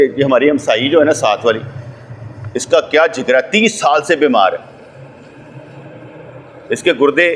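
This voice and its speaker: A religious scholar from Pakistan delivers a sermon lecture in a mid-range male voice with a Pakistani Urdu accent. As he preaches, he builds toward emphatic peaks and fires rhetorical questions at his audience.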